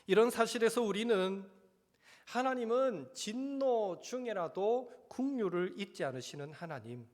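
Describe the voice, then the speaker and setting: Male pastor, Gyeongsang accent, high and animated sermon voice, earnest, long church reverb. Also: measured pace. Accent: Gyeongsang Korean. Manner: earnest preaching with homely asides and questions to the congregation.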